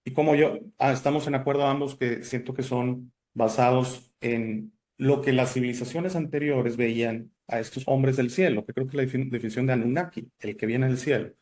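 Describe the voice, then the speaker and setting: A man's voice: medium pitch, steady tone, moderate pace, few pauses, a little mellow. A man from Italy, raised elsewhere, hosting an interview in a chatty way with many fillers and restarts. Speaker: host. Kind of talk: casual interview chat.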